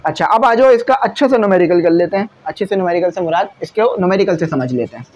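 A man teaches a physics class on video. He explains with everyday examples and keeps checking that students follow. He slows right down when he reads English textbook lines. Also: sits high, animated, a little mellow, lo-fi sound.

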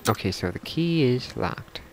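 A man's voice: medium pitch, lively intonation, unhurried, background noise. A man commenting as he plays a horror game, nervously muttering to himself and tripping over words when he reads aloud. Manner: stumbles when reading aloud. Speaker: video game player.

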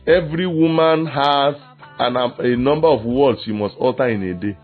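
Pastor preaching through a tinny line. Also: male voice, medium pitch, moderate pace. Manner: lively preaching with acted quotes and laughter. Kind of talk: sermon. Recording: tinny phone-like sound with faint music.

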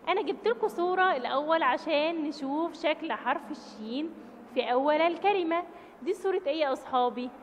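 A high-pitched woman speaks with an Egyptian Arabic accent, teaching young pupils and drawing out each syllable with clear emphasis. Her voice carries a long reverb, and a faint noise sits behind it. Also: fast talker. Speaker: primary school teacher. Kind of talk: children's reading lesson. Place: school classroom or room.

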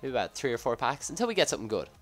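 A man with a slightly husky, under-the-weather voice giving casual live commentary on a video game pack opening, reacting offhand to each reveal. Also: mid-range voice, sing-song, rapid-fire, soft background music. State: slightly sick, husky off voice from a cough. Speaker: gaming video host.

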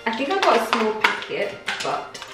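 Her voice sits on the high side and swings widely in pitch, though her speed stays normal. The young woman, a vlogger, chats upbeat and meandering to her audience as she cooks at home in a casual vlog. Faint background music and a roomy kitchen echo fill the recording.

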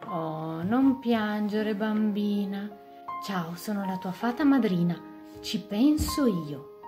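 A woman plays a kindly fairy godmother in a puppet fairy tale. She speaks gently and soothingly at a middling pitch, with music behind her. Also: animated, slow. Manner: gentle, reassuring.

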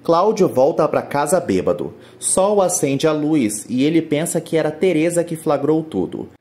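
A Brazilian man narrates an episode recap from a studio voice-over mic. His voice is mellow and dark, but his delivery swings up and down with brisk storytelling energy. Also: fairly high pitch. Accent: Brazilian Portuguese. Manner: brisk storytelling with lively rises. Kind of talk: scripted narration.

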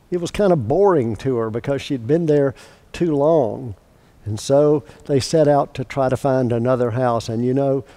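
A man reading a picture book aloud for a church storytime, then giving a short lesson, in a gentle, deliberate way. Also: medium pitch.

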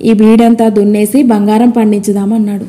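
A woman's voice: medium pitch, little pitch movement, normal speed, mellow, natural voice. A woman voicing a mighty, mischievous male hill spirit in a storybook tale, with a teasing, boastful manner. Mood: taunting.

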